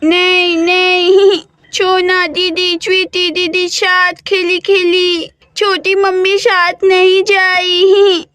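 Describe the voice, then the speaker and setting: Woman playing a bawling toddler boy for a doll cartoon, very high squeaky voice, slow drawn-out baby talk, dry close sound. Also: level tone, pushed and bright, no room sound, full character voice. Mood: whiny, tearful. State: crying. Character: whining crying little toddler boy.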